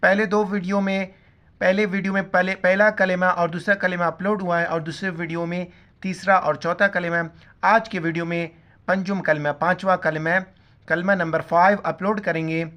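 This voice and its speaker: A man teaching Quran pronunciation, spelling out letters and vowel marks syllable by syllable, and chanting the words slowly between quick explanations. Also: high-pitched, flat delivery, sharp tone. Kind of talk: pronunciation lesson with recitation.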